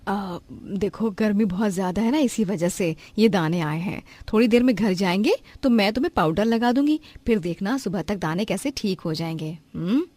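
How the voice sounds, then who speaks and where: A woman voicing a gentle, patient mother who sells vegetables, in a cartoon story, speaking in a soft, reassuring way. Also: medium pitch, animated, normal speed, few pauses, natural voice. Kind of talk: cartoon voice acting.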